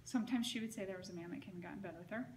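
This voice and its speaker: A woman talks through a long personal story in an interview, casual and meandering, padding her sentences with "like" and "you know." Her voice sits at an ordinary pitch and carries a roomy echo. A faint hiss of noise sits under the recording. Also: racing, a little mellow. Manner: rambling, frequent "like" and "you know".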